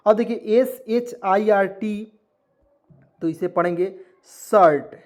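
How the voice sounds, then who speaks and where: A man's voice: high voice, slow pace. A man teaching English spelling and pronunciation in an online lesson, often asking a question and answering it himself as he addresses the viewers as friends. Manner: explains word by word, repeatedly asks and answers himself.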